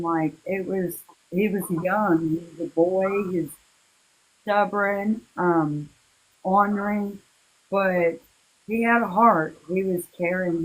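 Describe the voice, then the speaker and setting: A woman speaking as an interview guest, recalling personal matters in a halting, heartfelt, casual way. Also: mid-range voice, low-quality recording. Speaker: interview guest, victim's relative.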